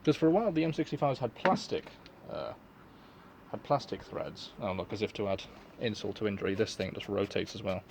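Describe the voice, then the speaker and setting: A man's voice: fairly low pitch, lively intonation, brisk, vocal fry, darkish tone, a little hiss or hum. A man giving a casual, unscripted product review in a rambling, offhand, sweary way. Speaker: collector and reseller reviewing gas masks.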